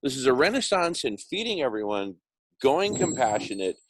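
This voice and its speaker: Over earbuds on a video call, this man leads an online group chat with a medium-pitched voice that swings widely, speaking at a moderate pace. The sound quality is poor. His talk is loose and long-winded, eager and idealistic, circling back to repeat points with emphasis as he spins out his vision.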